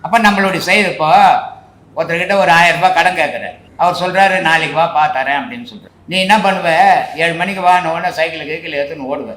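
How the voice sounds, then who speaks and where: An older man explains spiritual ideas to his listeners in a slightly high voice. He speaks colloquially and keeps asking rhetorical questions. The room around him is echoey. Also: fast talker, sharp tone. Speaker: spiritual teacher. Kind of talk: answering devotees' questions.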